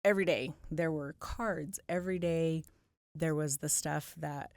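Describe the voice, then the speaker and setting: A woman's voice: deep voice, measured pace, darkish tone, dry recording. A woman guest on a podcast, talking about her outreach work in a heartfelt, emotionally open way. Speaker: police community outreach coordinator, guest. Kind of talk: casual interview conversation. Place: podcast studio.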